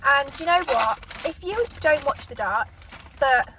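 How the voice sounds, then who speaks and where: A British woman with a high voice hosts a casual mukbang, talking between mouthfuls and pausing for bites. She sounds a little away from the microphone, with clear noise behind her. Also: lively intonation, bright, forceful tone. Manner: eating as she talks, with pauses for bites. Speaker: mukbang host eating and reviewing food. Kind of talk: casual chat to camera while eating. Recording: distant microphone, noticeable background noise.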